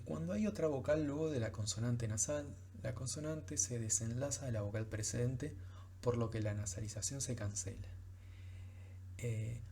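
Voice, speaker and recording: A man's voice: mid-range voice, a little mellow, a little hiss or hum. A man teaching French pronunciation in a recorded lecture, explaining patiently with frequent fillers.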